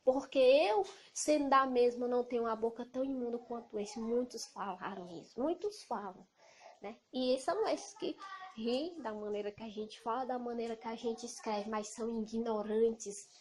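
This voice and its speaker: Loud Cearense Brazilian woman, fairly high voice. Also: moderate pace. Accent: Cearense Brazilian Portuguese. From Ceará, Brazil. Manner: speaks loudly, indignant and emphatic. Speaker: evangelical vlogger. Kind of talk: casual monologue to camera. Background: noisy children.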